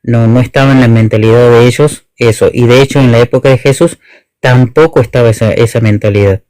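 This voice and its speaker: A man's voice: medium pitch, a little fast, a little mellow, no echo, poor audio. A man, a guest Hebrew teacher, explaining carefully over an online call, with many restarts and rephrasings. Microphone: online video call.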